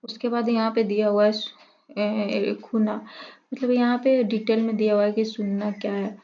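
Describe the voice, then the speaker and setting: A woman explains a lesson for trainee teachers in a level, mid-pitched voice that barely rises or falls. She stops and restarts often, filling gaps with hesitations. The recording sounds muffled and lo-fi. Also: flat delivery, a little hiss or hum. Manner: halting, many fillers and restarts. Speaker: teacher-exam tutor. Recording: dull lo-fi recording.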